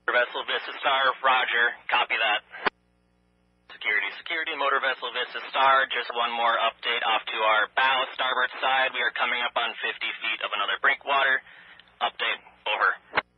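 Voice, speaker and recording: A man on a boat radioing urgent updates, repeating his call signs in a hurried way over a marine radio transmission. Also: mid-range voice, steady tone, no echo. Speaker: vessel captain on the radio. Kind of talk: marine radio distress calls. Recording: dull marine radio audio.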